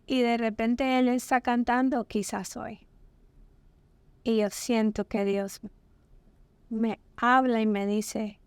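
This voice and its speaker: A woman's voice: fairly high pitch, flat delivery, slow pace, darkish tone, clean tone, no echo. A woman sharing a personal testimony as a podcast guest, telling the story vividly and acting out the dialogue. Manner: vivid, acts out quoted dialogue. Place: podcast studio.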